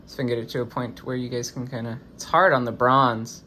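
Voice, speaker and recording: Guy doing a chatty review vid, bright voice, mouth kinda swollen from wisdom teeth surgery, bit of background noise. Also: medium pitch, flat delivery, fast talker. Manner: informal, chatty. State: swollen face and slightly impeded speech after wisdom tooth removal. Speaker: host of a knife review channel. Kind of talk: casual product review vlog.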